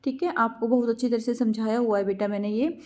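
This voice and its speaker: A woman teacher explains exam answers in a patient, step-by-step way. She poses questions and then answers them herself. Her voice is slightly high but mellow and soft. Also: steady tone, fast talker. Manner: patient, asks and answers her own questions, calls students "beta".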